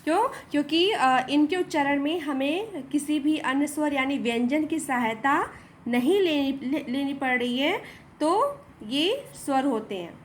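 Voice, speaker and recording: Slow, high-voiced woman teaching a lesson. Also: lively intonation, a little hiss or hum. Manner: slow, repetitive explaining with frequent rhetorical questions. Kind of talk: classroom lesson.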